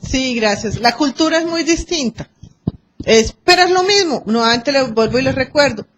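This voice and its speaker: A Colombian woman lecturing a class on arbitration, lively and acting out quoted exchanges and anecdotes. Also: high voice, normal speed, slight background noise.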